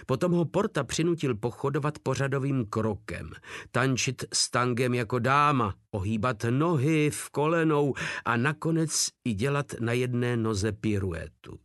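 Brief: male audiobook narrator, mid pitch, dry recording. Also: lively intonation, fairly bright tone, no room sound. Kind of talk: scripted narration.

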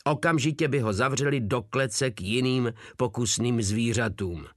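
A man's voice: medium pitch, dry recording, clean studio sound, lightly acted. A man voicing a brash, crude, rowdy soldier who mocks and swaggers, with coarse speech. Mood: mocking.

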